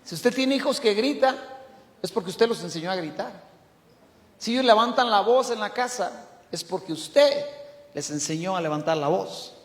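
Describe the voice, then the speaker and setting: High-voiced Mexican pastor in an echoey hall. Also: male voice. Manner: emphatic preaching, swings from loud to hushed. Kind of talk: sermon. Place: church hall.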